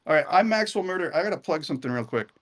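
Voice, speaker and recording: Lively, joking podcast co-host man. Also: a little high, rapid-fire. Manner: lively, dry jokes, hesitant with ums. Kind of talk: casual podcast chat.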